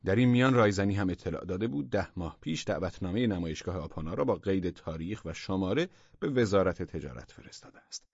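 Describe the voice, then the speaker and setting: A man reading a satirical story aloud as narrator, with expressive storytelling and hushed asides. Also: sits low, husky, dry recording, lo-fi sound.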